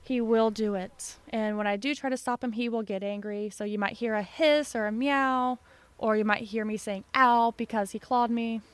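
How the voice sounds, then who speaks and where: A woman's voice: on the high side, fairly even intonation, moderate pace, clear, resonant tone, no echo. A woman co-hosting a podcast in casual, chatty conversation, recorded at a desk mic at home. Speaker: podcast co-host. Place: home basement with no door. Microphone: desk microphone.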